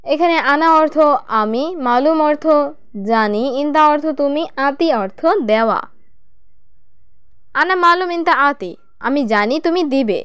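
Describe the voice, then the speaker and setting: A woman teaching language in an even, measured way, going through short phrases one at a time in a scripted lesson. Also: high-pitched, no echo.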